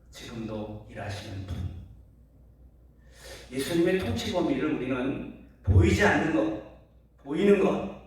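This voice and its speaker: A pastor preaching a Sunday sermon, speaking earnestly to his congregation and posing rhetorical questions. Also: mid-range voice. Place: church sanctuary. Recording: very echoey hall, voice from far off.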